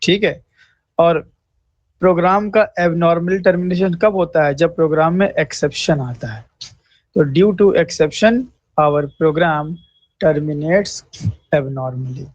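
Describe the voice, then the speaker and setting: A man teaching a programming lesson, who speaks slowly and repeats points, often checks in with listeners and mixes English terms into his Hindi. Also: on the high side, dry recording. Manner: slow, repetitive, checks in with "thik hai" often; clears throat now and then. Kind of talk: screen-recorded coding lesson. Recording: dry, slightly dull mic.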